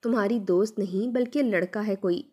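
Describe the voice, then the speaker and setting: A woman voicing a harsh, spiteful middle-aged aunt who scolds and accuses in shrill tirades within a dramatized story reading. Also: mellow, natural voice. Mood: scolding.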